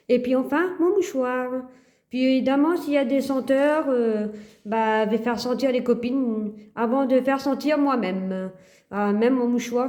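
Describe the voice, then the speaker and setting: A woman vlogging casually to camera, speaking hesitantly with many pauses and restarts, filmed on a phone. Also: fairly high pitch, darkish tone.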